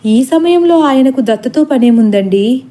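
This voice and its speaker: A woman's voice: sits high, animated, a little slow, dark tone. A woman voicing an anxious middle-aged mother in a storybook reading, pleading and alarmed.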